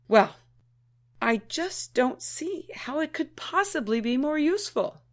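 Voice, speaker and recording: A woman's voice: sits high, very animated, heavily acted. A woman voicing a prim, skeptical female alien shipmate with a disdainful manner in an audio drama. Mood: hesitant. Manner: disdainful, prudish, slow deliberate delivery.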